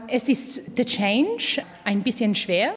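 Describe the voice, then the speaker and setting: Woman, singing student, fairly high, careful speech, hall reverb. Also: sing-song, slow pace, breathy edge. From Australia.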